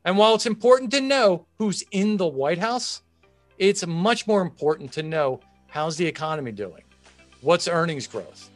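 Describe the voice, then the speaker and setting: A man's voice: sits high, animated, moderate pace, dry recording, faint music behind. A man speaking as an expert interview guest, explaining things in a methodical, emphatic way. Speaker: chief investment officer, interview guest. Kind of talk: expert market commentary in interview.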